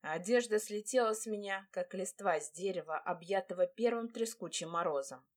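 A woman reading a first-person fantasy romance audiobook in a measured, dramatic way. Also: medium pitch. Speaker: audiobook narrator.

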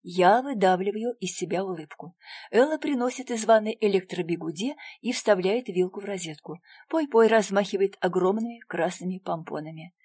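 Female audiobook narrator, quiet tense delivery, medium pitch, dry booth sound. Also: normal speed, husky, no echo. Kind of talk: first-person audiobook narration.

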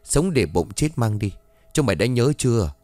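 A man's voice: mid-range voice, lively intonation, normal speed, a little mellow, no room sound, lightly acted. A man voicing a stern, scolding old mistress. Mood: stern warning. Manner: scolding, bossy.

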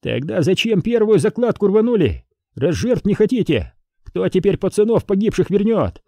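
A man voicing a hot-headed young male enemy soldier who shouts defiantly and drags out his words. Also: high-pitched, sing-song, vocal fry, no echo, studio quality, voice pushed up, heavily acted. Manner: shouting, defiant, slow and drawn out.

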